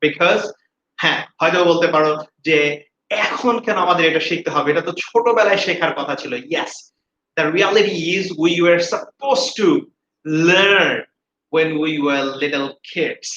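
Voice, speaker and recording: A high, bright-voiced man teaches English pronunciation with lively energy, repeating each word for his students to echo back. The recording sounds roomy and a little dull, with faint hiss underneath. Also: slow. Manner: energetic, repeats words for students to say after him. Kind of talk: classroom-style video lesson, mixing Bengali and English.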